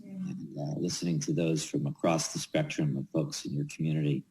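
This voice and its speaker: A man giving informal ceremonial remarks as an official, halting and repeating words as he goes. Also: extremely low pitch, steady tone, creaky, dark tone. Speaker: official speaking at swearing-in ceremony.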